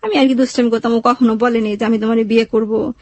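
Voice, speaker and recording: Speaking fast in a slightly high, steady, darkish voice, a woman with a Bangladeshi accent tells her own life story as an interview guest. Her speech is plain and colloquial, and she quotes dialogue as she goes. The recording is dry.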